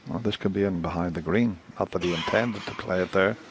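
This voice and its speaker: Hushed, low-voiced male snooker commentator. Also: brisk. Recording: noisy arena broadcast with crowd. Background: audience noise and clicking balls.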